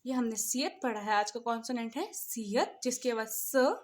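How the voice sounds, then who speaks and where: A woman teaching a language lesson in a patient classroom style, repeating each word slowly syllable by syllable and often reassuring with "okay". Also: fairly high pitch, noisy background.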